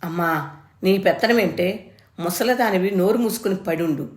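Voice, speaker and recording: A woman's voice: on the low side, moderate pace, close to an everyday voice. Bullying grown son, pushy and scornful, as a woman storyteller puts him on, raised and strained, in a roomy space. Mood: angry. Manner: mocking, pushy, loud. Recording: roomy echo.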